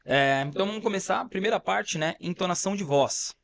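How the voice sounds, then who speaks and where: A man's voice: high voice, brisk, vocal fry, fairly bright tone. Man explaining coaching tips in a podcast. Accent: Brazilian Portuguese. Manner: explains step by step, frequent "né?" and "tá?". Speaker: podcast co-host, fitness coach. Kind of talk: casual instructive podcast talk.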